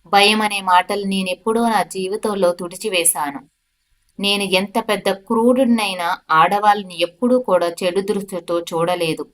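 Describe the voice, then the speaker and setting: A woman voicing a hardened male death-row prisoner who speaks in loud, forceful declarations in a storytelling. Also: mid-range voice, steady tone, normal speed, natural voice. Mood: defiant.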